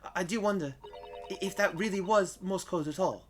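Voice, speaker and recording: A man's voice: high voice, a little fast, soft background music, natural voice. A man voicing a polite young woman assistant in a courtroom video game, stammering hesitantly.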